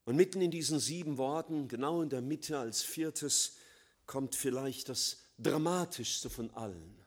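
A man preaching a sermon, swinging between loud emphatic lines and quiet, low, slow passages.

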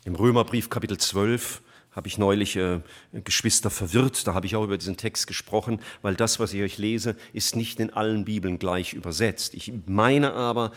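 A man preaching an emotional sermon to a congregation, earnest and rising to fervent emphasis, reading scripture slowly. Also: fairly low pitch.

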